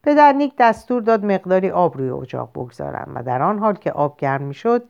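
A woman narrating a short story in a measured, expressive audiobook reading. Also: lowish voice, gravelly. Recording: lo-fi muffled recording.

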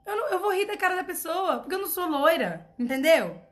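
A woman's voice: very high-pitched, very animated, quick pace. A woman mentoring her followers in an emphatic motivational talk. She repeats her points and keeps asking rhetorical questions. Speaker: personal development mentor.

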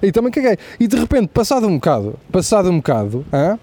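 A young man with a European Portuguese accent telling a profane, animated comic story as the host of a stand-up comedy show. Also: high voice, fast.

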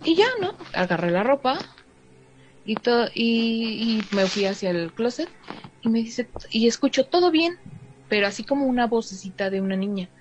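A woman with a Mexican Spanish accent telling a story in a relaxed, chatty way, acting out what each person said. The recording is slightly dull, with a faint hiss behind her. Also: on the high side, normal speed. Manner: chatty, fills in with "o sea", acts out the dialogue. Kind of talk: casual storytelling to a listener.

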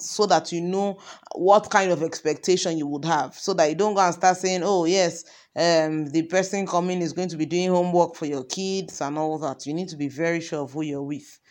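A woman teaching an informal parenting lesson, talking conversationally with many example questions. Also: fairly low pitch. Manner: conversational, asks many example questions, frequent ums and you knows.

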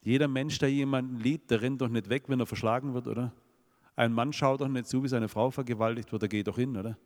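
A man's voice: mid-range voice, steady tone, fast, a little mellow. Swabian man preaching in a hall. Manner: rhetorical questions to the congregation. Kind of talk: sermon. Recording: long reverb of a hall.

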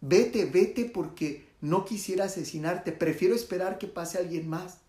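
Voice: mid-range voice, unhurried, warm tone, lightly acted. A storyteller playing a dangerous, shaken assassin who raises his voice, in a mid-range register. It echoes through a roomy space. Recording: roomy echo.

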